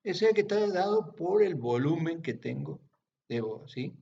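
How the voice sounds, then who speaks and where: Male teacher, fairly high voice, patient step-by-step explainer, distant muffled home recording. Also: expressive, a little slow, vocal fry, warm tone, echoey room, slight background noise. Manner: patient, checks understanding with frequent tag questions. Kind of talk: classroom-style explanation.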